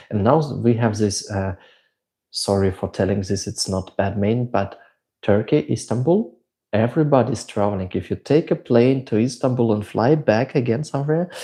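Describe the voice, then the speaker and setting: A middle-aged man from Switzerland, speaking with a German accent, chats casually on a livestream, reading viewers' questions and answering them at length. He has a fairly low, mellow voice.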